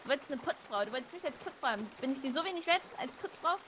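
A woman's voice: high-pitched, lively intonation, very fast, a bit bright, a little hiss or hum. A woman playing a suspicious young homeless woman who complains and refuses to trust, in a game roleplay. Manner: distrustful, pouty complaining.

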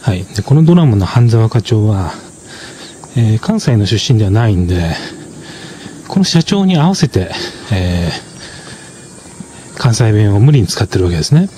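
A man with a low, mellow voice talks through a drama review in a relaxed explanatory way. He is measured and unhurried, and he often pauses on fillers and tag particles. There is a faint hiss behind him. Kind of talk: casual explanatory commentary.

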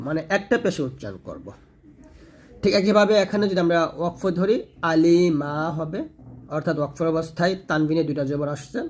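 A man teaching Quran reading rules in a patient tutorial, repeating points and demonstrating recitation. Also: fairly high pitch. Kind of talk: explanatory tutorial lesson.

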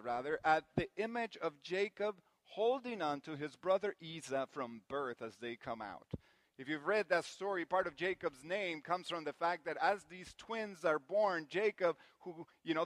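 A man from Guatemala giving a sermon in a church, telling family anecdotes with gentle self-deprecating humor. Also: a little high, no room sound. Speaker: preacher. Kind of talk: sermon with personal storytelling.

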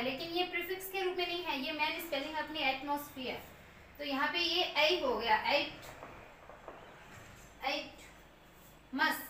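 High bright teacher in an echoey room. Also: female voice, slight background noise. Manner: slow, repeats words aloud syllable by syllable while writing. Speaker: English teacher. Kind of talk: Hindi-language lesson on English phonetics. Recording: echoey room heard from a distance.

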